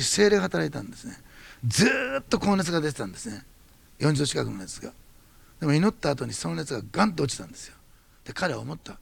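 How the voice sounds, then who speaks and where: A man preaching as a pastor, telling a testimony in quick, animated bursts. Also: a little high, gravelly, husky, dry recording. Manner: fast-talking, animated storytelling. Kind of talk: sermon testimony.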